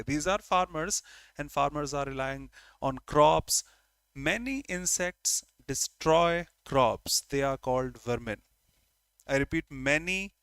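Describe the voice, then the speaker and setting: A Hindi-speaking man with an Indian English accent runs an online grammar lesson, moving through each point step by step and repeating key words for his students. His voice is a little higher than most men's, somewhat bright and smooth, and it sounds dry and close with no room sound.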